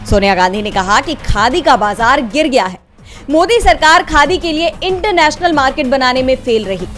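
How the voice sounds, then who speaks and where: A woman with a high-pitched voice narrates a scripted news report. She speaks as a reporter in voice-over, with music playing faintly underneath. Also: lively intonation, moderate pace, a bit bright. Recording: music bed behind the voice.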